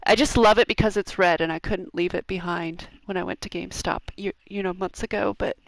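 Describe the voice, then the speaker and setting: A woman streaming a video game, chatting casually with her viewers and a co-op partner, bubbly and quick to laugh and joke. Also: fairly low pitch, fairly even intonation, gravelly, poor audio. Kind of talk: casual live-stream chat.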